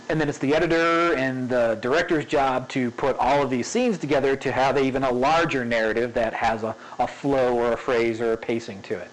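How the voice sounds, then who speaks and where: A man's voice: fairly high pitch, slight background noise, rough recording. Chatty man teaching animation. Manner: conversational, repeats "okay?" often, varies pace to demonstrate. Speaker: animation instructor. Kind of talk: casual spoken lesson.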